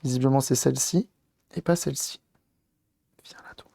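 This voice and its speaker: A man with a rough, hoarse voice chats loosely with his live audience while he works on a gadget. He thinks out loud, mutters to himself and keeps up a friendly running commentary. His voice sits in an ordinary middle pitch. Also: steady tone, moderate pace. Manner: chatty, talks to viewers while tinkering, thinks aloud. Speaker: streamer doing electronics modding. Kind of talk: casual live-stream chat while working.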